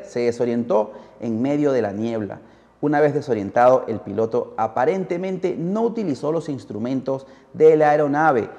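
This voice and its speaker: Narrating his podcast from a script, a Peruvian host takes a storytelling approach in a warm, mid-range voice. The sound is muffled and carries a heavy, hall-like reverb.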